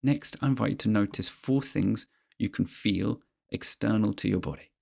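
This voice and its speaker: A man reading a scripted guided grounding exercise in a measured, instructional manner, pausing between phrases. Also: on the low side, creaky, mellow.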